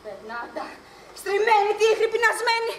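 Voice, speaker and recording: A woman's voice: very high voice, very animated, a bit bright, slight background noise, heavily acted. A woman on stage playing a mad old grandmother who longs for babies, rambling in a singsong and giggling, recorded live and echoey. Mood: dreamy. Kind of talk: amateur stage acting.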